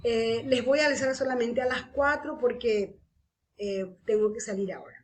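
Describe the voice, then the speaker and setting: A woman teaching a grammar lesson, patient and explanatory, who often checks in with a quick questioning "¿sí?" after each point. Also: a little high.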